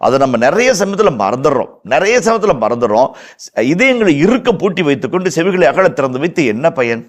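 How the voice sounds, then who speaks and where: A man's voice: a little high, sing-song, fairly quick. Man, Tamil accent, priest, scripture teaching, impassioned, repeats for emphasis. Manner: impassioned, repeats phrases for emphasis, acts out quoted lines. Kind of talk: verse-by-verse Bible teaching.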